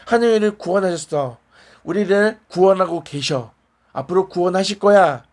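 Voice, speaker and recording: A man with a high-pitched voice speaks at a moderate pace, preaching a sermon in a small church. His style is conversational as he asks the congregation questions and answers back.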